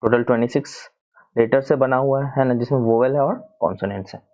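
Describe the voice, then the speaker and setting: A man teaching English grammar from slides in Hindi, with a Hindi accent. He explains step by step, often checking in with "है ना" and spelling words out slowly. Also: mid-range voice, darkish tone, dull audio.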